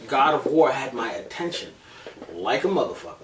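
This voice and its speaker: Profane, animated podcast host man. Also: medium pitch, normal speed, crowd noise. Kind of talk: casual gaming podcast chat. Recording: roomy distant mic with faint noise.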